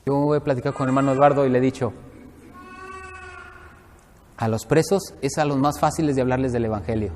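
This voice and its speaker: A man preaching a sermon, lively and joking as he speaks straight to his congregation. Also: medium pitch, brisk, long pauses, slight background noise. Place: church hall. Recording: echoey church hall.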